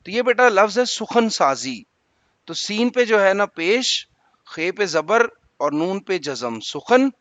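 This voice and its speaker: A man's voice: high-pitched, big pitch swings, a bit bright, dry recording, dull audio. A male teacher patiently explaining exam answers to students, spelling out vowel marks letter by letter.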